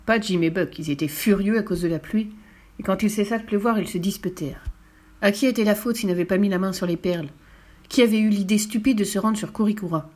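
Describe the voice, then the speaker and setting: A woman narrating a children's storybook in a clear, expressive reading voice. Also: mid-range voice. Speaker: audiobook reader.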